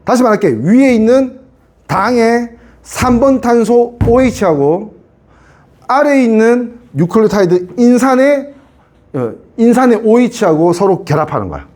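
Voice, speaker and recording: A man's voice: extremely high pitch, big pitch swings, moderate pace, a little mellow. A man teaching a science class in a chatty lecture style, often checking if students follow and repeating key points. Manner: chatty, keeps asking students to confirm.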